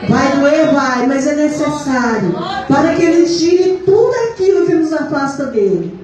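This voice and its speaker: Fervent high-voiced woman pastor preaching. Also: lively intonation, measured pace. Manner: fervent, sing-song preaching with frequent hallelujahs. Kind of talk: sermon. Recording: very echoey room, faint background noise.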